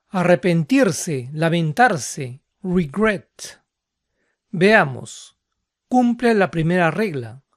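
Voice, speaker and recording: An English teacher explaining grammar rules step by step, in a deliberate instructional way. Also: mid-range voice, no room sound, studio quality. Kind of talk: instructional lesson.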